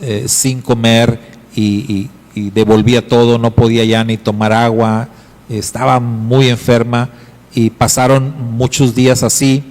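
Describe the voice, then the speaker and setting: A middle-aged pastor preaching in an unhurried, deliberate way, pausing and restarting as he searches for words. His delivery is earnest and emphatic. A long hall reverb trails after each phrase. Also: mid-range voice, level tone, a little mellow. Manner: earnest, emphatic storytelling with frequent hesitations. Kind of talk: sermon. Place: congregation hall.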